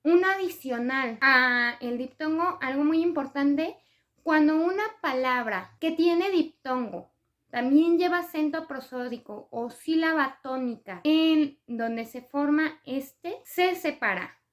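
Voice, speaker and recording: A woman's voice: sits high, slow pace, fairly bright tone. A woman presenting a spelling lesson for writers, explaining step by step with examples and frequent hesitation fillers. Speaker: writing tips presenter.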